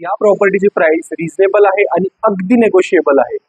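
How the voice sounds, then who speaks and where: A man's voice: high voice, brisk, a little mellow, husky, no echo, poor audio. A man guiding a property walkthrough room by room, as a real estate agent. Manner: guiding, pointing things out room by room.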